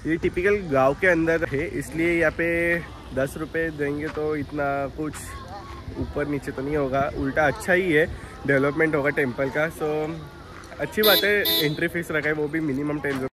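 A young adult travel vlogger excitedly chats to his phone camera, held at arm's length, while showing a temple and a dam outdoors and a temple hall inside. His casual tour-guide narration mixes Hindi and English in a fairly high voice at normal speed, with background music playing.

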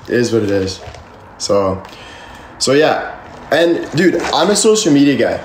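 A man's voice: mid-range voice, sing-song, a little slow. Young man, twenties, livestream rant, defensive, swears a lot, echoey bedroom, faint room hum. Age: 20s. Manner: defensive, rambling, emphatic, swears freely. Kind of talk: casual livestream venting. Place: bedroom with ceiling fan, indoors. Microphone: phone camera at arm's length.

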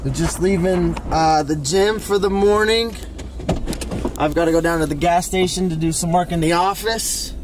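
Chatty young man vlogging over loud noise. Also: high-pitched, moderate pace. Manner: chatty, self-correcting, matter-of-fact. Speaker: fitness vlogger and coach. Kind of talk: casual vlog narration to camera. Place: car, home and gym. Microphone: handheld camera close to face.

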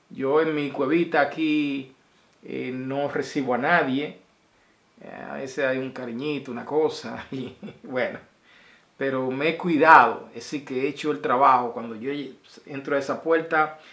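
A man's voice: mid-range voice, a bit bright. Rambling man in a roomy room. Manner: rambling, affectionate, sends blessings. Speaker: vlogger. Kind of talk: casual video message. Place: small room at home. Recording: roomy echo.

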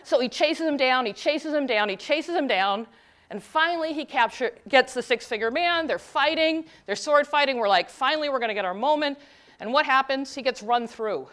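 A woman giving a conference talk, retelling a story with quick, animated asides. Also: high voice. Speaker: conference speaker; teacher.

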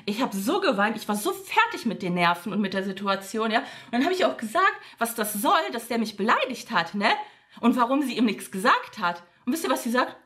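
A woman's voice: sing-song, brisk, a bit bright. A woman telling a personal story to her viewers in a casual monologue, acting out the quoted dialogue and addressing the audience with frequent fillers. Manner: acts out quoted dialogue with shifts in pitch. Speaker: vlogger.

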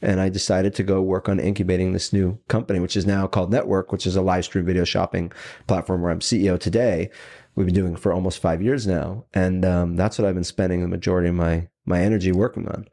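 A man, a company CEO, telling his career story as a podcast guest, quick and animated, acting out the voices of people he quotes. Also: deep voice.

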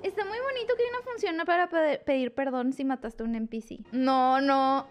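A woman gaming streamer gives casual gameplay commentary, chatting playfully in Spanish sprinkled with English words. Her voice sits high and moves briskly, with a slight hiss or hum in the recording.

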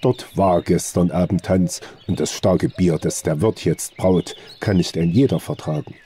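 A man's voice: low voice, a little slow, mellow, a little hiss or hum. A man reading an audiobook, voicing a good-natured old male forest hunter with folksy, earthy speech. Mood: hearty.

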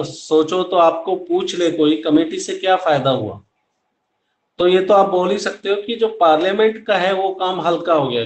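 A middle-aged man teaching an online class, explaining step by step, mixing English terms into Hindi and speaking straight to his students, recorded on a laptop webcam at home. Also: high voice. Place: small room at home with plain wall, indoors. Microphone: laptop webcam at close range. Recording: echoey room with faint background hiss.

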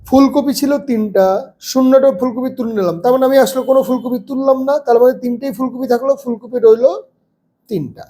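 A man's voice: very high voice, steady tone, fast talker, dark tone, a little hiss or hum. A man teaching young children from a textbook, patiently spelling words out letter by letter. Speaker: primary school teacher.

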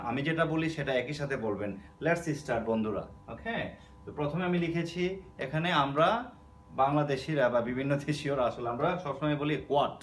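Speaking in a slightly high voice over light background noise, a Bangladeshi-accented man teaches English. He is patient, repeats words, and keeps checking in with students by asking "okay?".

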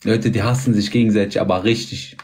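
A man's voice: on the low side, fairly even intonation, unhurried, darkish tone. A man co-hosting a casual live stream, joking and chatting with his viewers over a phone.

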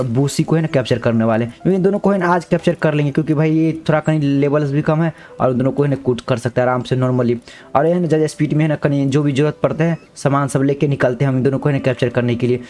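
A gaming YouTuber, a young man with a medium-pitched voice and a sore throat, gives chatty, slang-filled let's-play commentary. Every so often he shouts at the characters in the game.

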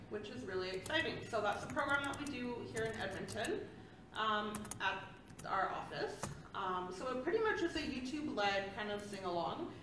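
A woman leading a casual sing-along class, chatty and quick to laugh between remarks. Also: a little high, recorded from a distance, background noise. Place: association office room. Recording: very roomy echo with loud guitar. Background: guitar.

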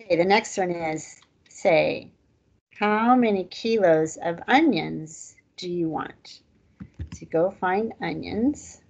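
Slow, husky-voiced woman teaching a language. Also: on the low side, low-quality recording. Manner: patient, explains step by step with short laughs. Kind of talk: online language lesson.

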